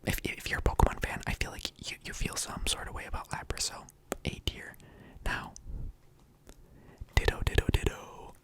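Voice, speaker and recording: A video host ranking game characters whispers casual, rambling ASMR-style commentary. The delivery is hesitant and playful, at a moderate pace with frequent pauses.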